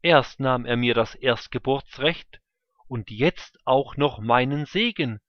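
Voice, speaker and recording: A man's voice: medium pitch, takes it slowly, dry recording, muffled recording, natural voice. A man voicing a bitter, pleading elder son. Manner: crying out, pleading loudly. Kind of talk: scripture reading.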